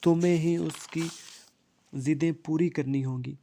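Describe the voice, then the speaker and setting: A man voicing a gently persuasive middle-aged aunt in a storybook reading. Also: on the high side, steady tone, gravelly, slight background noise. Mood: coaxing.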